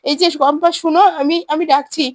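A woman's voice: sits high, steady tone, quick pace, no room sound, clean studio sound, close to an everyday voice. A woman voicing a worried, stern young husband in a retold TV serial, talking in an earnest, scolding way. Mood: coaxing.

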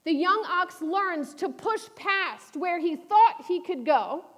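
High-voiced woman preaching in a reverberant hall. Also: slow. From New York City. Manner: animated, self-deprecating storytelling with humor. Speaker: speaker at a church service. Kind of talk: sermon.

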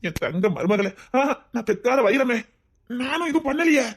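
A woman with a Tirunelveli accent voicing a bewildered father-in-law who mutters quietly and worriedly. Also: on the high side, big pitch swings, normal speed, breathy edge, heavily acted. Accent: Tirunelveli Tamil.

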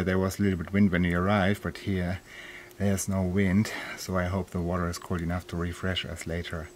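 A man with a very deep voice gives easygoing travel vlog narration, chatty and quick to laugh. He talks outdoors by the sea, with a faint hiss behind him. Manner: relaxed, chatty, laughs often. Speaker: travel vlogger. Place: outdoors on a small island by the sea.

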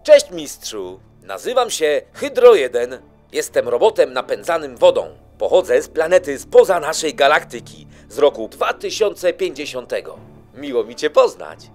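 A man's voice: a little high, sing-song, normal speed, darkish tone, soft background music. A man voicing a friendly little water-powered toy robot, his speech run through a robotic filter and played back from the toy's speaker. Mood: cheerful. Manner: cheerful, stiff machine-like delivery. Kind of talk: toy sound clips in a product ad. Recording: distant toy speaker, roomy.

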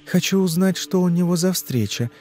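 A man's voice: high-pitched, normal speed, warm tone, faint music behind, voice pushed up. A man doing a frightened young woman under hypnosis. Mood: uneasy. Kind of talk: audiobook reading.

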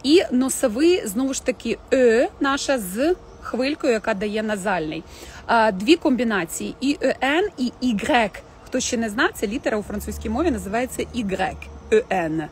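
A woman teaching French pronunciation in a casual live stream, chatting with viewers and modelling words slowly. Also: fairly high pitch, animated, a little hiss or hum. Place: home, in the evening.

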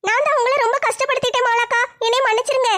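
A woman's voice: extremely high pitch, steady tone, very fast, sharp tone, voice pushed up. A woman voicing a young, apologetic sister-in-law in a comedy family skit. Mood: pleading. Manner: pleading, apologetic.

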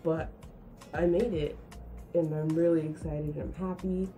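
Young woman with a dark, mellow voice. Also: sits low, steady tone, measured pace, soft background music, poor audio. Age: young adult. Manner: candid, rambling with fillers. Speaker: vlogger. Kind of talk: casual storytime vlog.

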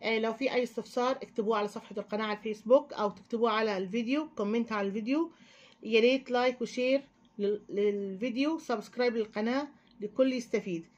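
An Egyptian woman teaching young children English, drilling sounds slowly and checking in with "okay". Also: fairly high pitch, darkish tone, muffled recording. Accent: Egyptian Arabic. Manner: drills letter sounds slowly, often says sorry and okay.

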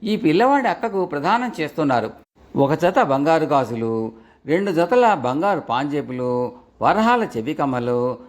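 A sly old woman swindler from a storybook, sweet-talking and feigning innocence, as a man reads her lines. Her voice rises and falls in a lively way as she wheedles, slow and coaxing. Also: on the high side. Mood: scheming.

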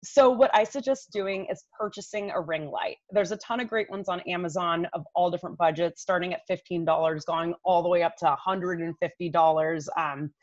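On a video call from her living room, a woman in her thirties, an image coach, gives expert tips conversationally and speaks straight to the listener. Her voice is lowish with fairly even intonation, a little fast with few pauses. The laptop microphone gives slightly dull, roomy webcam audio.

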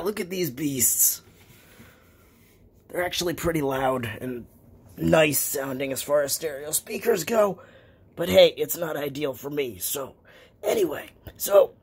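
Casting: woman with a badly hoarse lost voice slipping into whisper, slow-paced, sarcastic and sweary, casual handheld vlog. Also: fairly low pitch, darkish tone. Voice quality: lost voice from laryngitis: hoarse, breathy, cracking into a whisper. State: hoarse with laryngitis, occasional coughing. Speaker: gamer showing a home setup. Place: small room at home with wooden floor. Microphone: handheld phone.

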